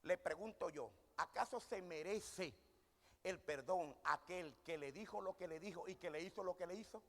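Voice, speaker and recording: A man's voice: high-pitched, moderate pace. A man preaching a sermon in a church hall. He poses questions to the congregation and answers them himself. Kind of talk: sermon with audience call-and-response. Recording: long hall reverb.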